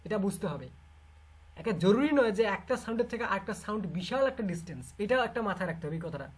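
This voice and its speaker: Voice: mid-range voice, lively intonation, fast talker, slightly rough. A teacher with a Bangladeshi Bengali accent giving an online class, repeating sounds over and over and quizzing students. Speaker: English literature teacher.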